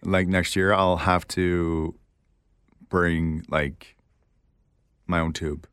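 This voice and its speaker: Low-voiced man chatting casually. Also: drawn-out words, smooth, no room sound, studio quality. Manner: animated storyteller, mimics relatives in a high voice. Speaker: podcast co-host. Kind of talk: casual chat.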